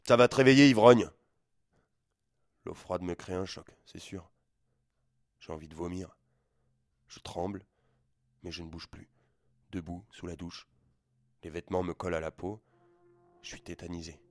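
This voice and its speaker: A man's voice: deep voice, flat delivery, normal speed, long pauses, a little mellow, no echo. A man reading a first-person story aloud in a subdued, often near-murmured voice. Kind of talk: first-person audiobook narration.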